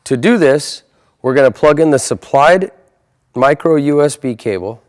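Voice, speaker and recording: A man with a highish, animated voice at normal speed narrates an installation tutorial. He's methodical and plainspoken, explaining each step in turn.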